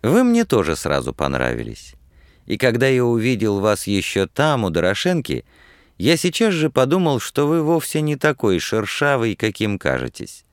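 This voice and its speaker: A man's voice: medium pitch, huge pitch swings, moderate pace, clean tone, dry recording, studio quality, pitched above the performer's own voice. A man doing a drawling, lazy reporter. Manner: drawling, offhand. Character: lazy self-assured male reporter.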